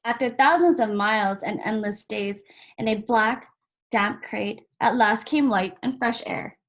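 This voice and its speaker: A volunteer story reader with a medium-pitched voice reads a children's picture book aloud. She moves through it in measured phrases, pausing between each.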